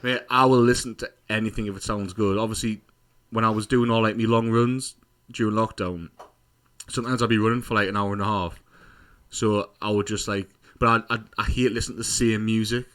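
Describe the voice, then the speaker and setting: A young man, co-hosting a podcast in relaxed, rambling chat with lots of fillers. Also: on the low side, fairly quick. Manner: laid-back, rambling with fillers, laughs often. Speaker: podcast co-host. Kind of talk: casual chat.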